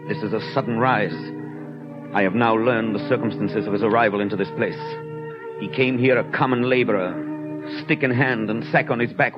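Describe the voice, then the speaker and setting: An actor playing a watchful, suspicious police inspector in a 1930s radio drama, reading notebook entries in a measured, clipped, probing manner. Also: male voice, mid-range voice, close to an everyday voice. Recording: dull 1930s radio recording. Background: clear music.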